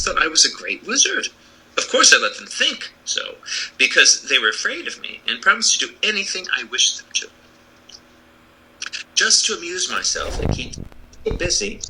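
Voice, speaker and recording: A man plays an old humbug wizard from a storybook. The voice is very bright and forceful, swinging freely up and down in pitch. He is kindly and apologetic, explaining himself in earnest. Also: slightly rough, exaggerated voice, rough recording. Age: older. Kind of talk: storybook reading.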